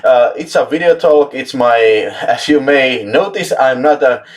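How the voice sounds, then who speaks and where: A man's voice: mid-range voice, measured pace. Enthusiastic Finnish-accented man hosting. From Finland. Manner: enthusiastic, laughs often, swears for emphasis. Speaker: host. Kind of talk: casual live chat.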